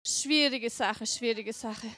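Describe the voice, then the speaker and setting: A woman's voice: a little high, slow pace, sharp tone, dry recording. A woman preaching playfully in church, chatting with the congregation and asking them questions. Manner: playful, chatty, asks the audience often. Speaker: preacher at a family service. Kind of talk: lively sermon with questions to the congregation.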